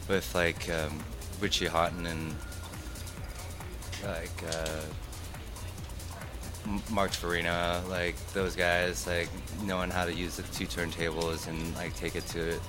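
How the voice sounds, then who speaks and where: A young guest DJ from Detroit chats casually in an interview, his low voice slow and barely moving in pitch. He's laid-back and hesitant, leaning heavily on fillers, with music playing underneath.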